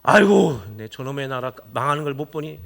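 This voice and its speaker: A sulking, grumbling prophet, put on by a man mid-sermon sighs and groans that he would rather die. The voice sinks well below the speaker's usual pitch and comes out heavy and exasperated. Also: expressive, a little fast, gravelly. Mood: grumbling despair.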